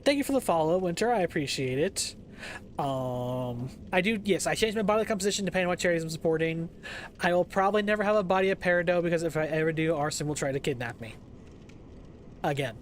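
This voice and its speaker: A man's voice: on the high side, fast talker, a little hiss or hum. A man chatting casually on a live gaming stream as its host, playful and jokey with theatrical greetings. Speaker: variety gaming streamer and VTuber.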